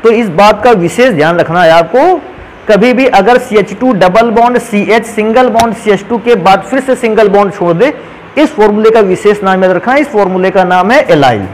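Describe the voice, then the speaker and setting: Guy teaching chemistry, pretty high voice, goes step by step, faint hiss behind. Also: rough recording. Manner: explains step by step, calls students "beta". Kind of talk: whiteboard lesson.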